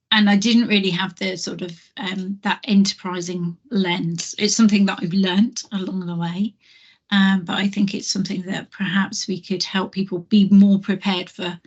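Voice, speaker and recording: A woman speaking on a podcast panel in a thoughtful, earnest way, often pausing and restarting her sentences. Her voice sits at a middle pitch with a fairly flat, even melody. The recording sounds somewhat dull and lo-fi. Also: breathy edge. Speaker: panel guest, physics alumna. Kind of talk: panel discussion.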